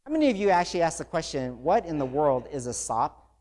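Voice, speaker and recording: A man's voice: a little high, very animated, fast talker, a little mellow. A man preaching a sermon to a congregation, talking casually and growing emotional and intense.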